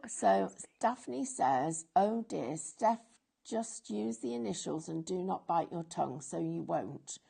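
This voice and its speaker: A woman's voice: lowish voice, lively intonation, slow, gravelly, mellow, husky. A woman presenting a live craft shopping show, selling with chatty, jokey enthusiasm.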